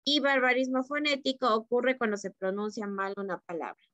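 A woman's voice: on the high side, steady tone, moderate pace, fairly bright tone, no echo. A woman teacher giving an online literature lesson, explaining terms step by step and often checking in with her students. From Ecuador.

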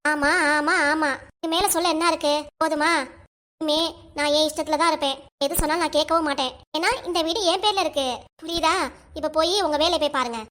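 A woman's voice: high voice, fast, a bit bright. A woman voicing a scheming, bossy young wife in a cartoon comedy, with a southern Tamil Nadu accent and a scornful, taunting manner. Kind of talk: cartoon comedy sketch acting.

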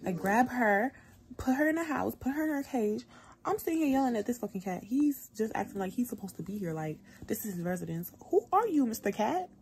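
A woman's voice: on the high side, a little fast. A young woman vlogging, telling a story casually with lots of slang and swearing. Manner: animated, profane, slangy storytelling.

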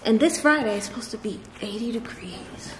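In a casual vlog filmed in a large, bright living room at home, a woman talks to camera, laughing often and speaking to her dogs. Her voice is a little high and expressive at a moderate pace. A camera on a nearby table records the echoey room, where background noise is clearly audible.

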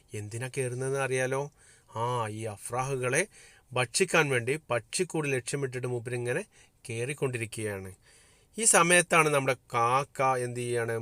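A man from Kerala teaching a primary school Arabic class online. He reads textbook phrases slowly, then explains them and asks questions that he answers himself. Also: medium pitch, fairly bright tone, no room sound. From Kerala, India.

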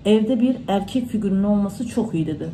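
A woman's voice: medium pitch, animated, fairly quick, dark tone, slight background noise, poor audio. A woman vlogger, chatting casually to her followers at home and retelling conversations in reported speech. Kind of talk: casual vlog talk to followers.

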